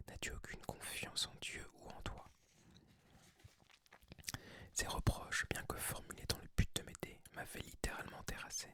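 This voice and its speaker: A person of unclear sex whispering softly and breathily, as in a library, in an ASMR book reading. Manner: soft, hushed library whisper. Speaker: ASMR creator reading aloud.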